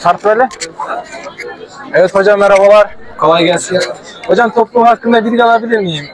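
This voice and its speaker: A man with a fairly high voice narrates a casual vlog and stops to interview people. He is not a native speaker and builds his sentences haltingly. A busy crowd chatters around him. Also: fairly even intonation, low-quality recording. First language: not Turkish. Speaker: vlogger interviewing student clubs. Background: crowd at a student club fair.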